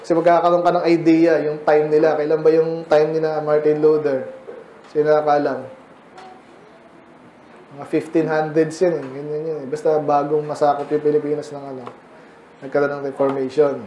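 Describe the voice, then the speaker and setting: A man's voice: a little high, completely flat delivery, normal speed, dark tone, echoey room, dull audio, slight background noise. A man with a Filipino accent preaching a sermon in a church, in a casual, joking style with frequent asides. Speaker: pastor.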